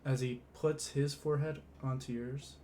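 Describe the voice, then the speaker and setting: A man narrating a tabletop game as game master, measured and deliberate, stumbling when flustered. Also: medium pitch, fairly even intonation, mellow, a little hiss or hum.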